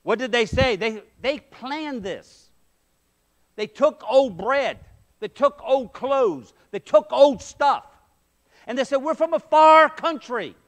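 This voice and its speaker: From the front of a medium-sized indoor church sanctuary, a middle-aged pastor delivers a sermon through a headset mic. His voice is unusually high for a man, with lively intonation, and he takes it slowly while pressing his points with emphatic rhetorical questions.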